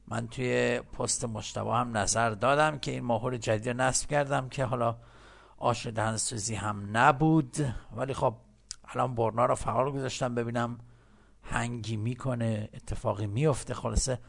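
Man, Persian accent, English teacher, gravelly, slow careful repetition. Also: medium pitch. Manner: explains slowly, repeats words for learners. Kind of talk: recorded language lesson.

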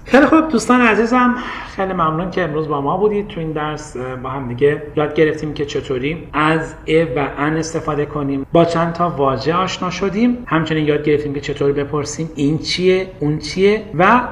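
A man's voice: a little high, slight background noise. A man with a Persian accent teaching English grammar, explaining patiently and mixing Persian with English examples.

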